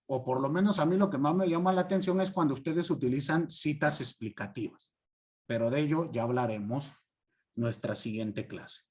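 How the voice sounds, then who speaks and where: A man giving a class lecture, stressing key words and often asking students if it is clear. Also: on the high side. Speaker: law teacher.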